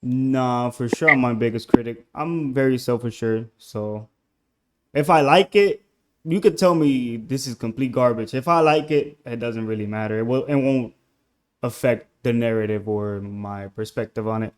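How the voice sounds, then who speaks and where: A young Puerto Rican musician, Spanish his first language and his accent Puerto Rican, is a guest on a casual interview over a call. He talks softly and hesitantly at medium pitch and normal speed, often trailing off mid-thought.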